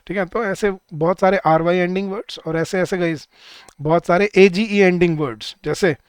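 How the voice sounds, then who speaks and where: A man with a high-sitting, clean voice runs a live online Hindi class for bank exam candidates. He says words aloud, repeating each one slowly while hammering home the rules, and there's no echo.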